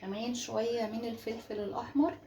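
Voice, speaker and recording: A quick, chatty woman with an Egyptian accent walks viewers through a recipe in her home kitchen. Her voice sits a little high, and she coaxes along as she works, with faint room sound behind her. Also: steady tone, noisy background. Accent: Egyptian Arabic. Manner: chatty and warmly coaxing, addresses viewers as ladies. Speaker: home cooking channel host. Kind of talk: casual cooking tutorial.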